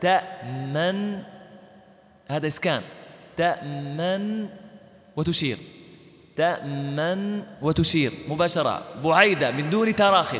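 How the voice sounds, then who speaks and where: Male recitation teacher, somewhat high voice, patient step-by-step lecturer, reverberant hall sound. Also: fairly bright tone. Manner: explains step by step, often checks understanding; slowly chants example verses. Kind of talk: recorded lecture to students.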